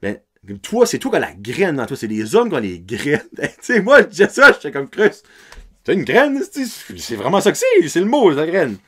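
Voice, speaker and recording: On the high side and a bit bright, this podcast host's voice swings hugely in pitch while holding a moderate pace. In his thirties and Acadian French-accented, he tells a laughing, easygoing story, peppering his French with English.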